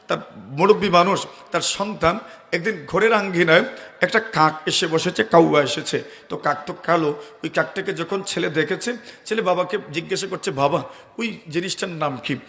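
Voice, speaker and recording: A male Islamic preacher giving a waz sermon. He chants Quranic verses in a slow melody and keeps asking the crowd rhetorical questions. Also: sits high. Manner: asks the audience rhetorical questions; swells to loud emphatic peaks, then drops to soft storytelling.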